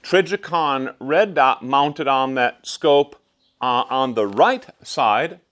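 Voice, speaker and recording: Slow-paced man explaining in a vlog. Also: mid-range voice, fairly bright tone. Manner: measured, conversational explaining. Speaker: host explaining shooting gear tests.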